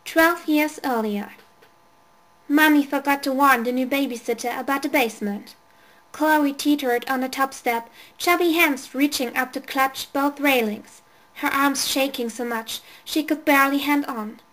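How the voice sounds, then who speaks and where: A woman with a high voice reads a novel aloud. She narrates in a measured, clear way. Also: a bit bright. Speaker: audiobook reader.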